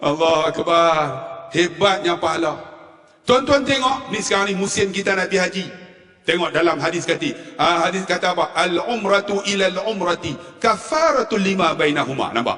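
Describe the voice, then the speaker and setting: A man preaches in a very high, bright, forceful voice, joking and laughing along with the congregation. His animated storytelling rings with a long reverb through a mosque hall. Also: normal speed, distant mic. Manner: animated storytelling, laughing at his own jokes, repeatedly calling out to the audience. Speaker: religious preacher at a mosque forum. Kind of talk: humorous sermon addressing the congregation.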